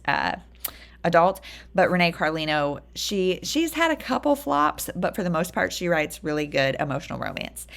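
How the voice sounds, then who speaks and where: A woman's voice: on the low side, gravelly. A woman in her thirties chatting enthusiastically about books she loves, with lots of fillers. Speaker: book vlogger. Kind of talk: casual book review chat.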